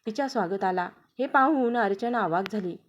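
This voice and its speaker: A woman narrating a scripted family story in a calm, even manner, on a dull lo-fi recording. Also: mid-range voice, normal speed.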